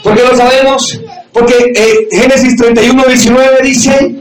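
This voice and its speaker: A man pastor preaching a sermon loudly to a congregation, shouting for emphasis and acting out quoted voices. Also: very high-pitched, flat delivery, moderate pace, distant mic. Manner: acts out quoted voices in dialogue. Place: church or meeting hall with audience. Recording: echoey room, mic from afar, audience noise.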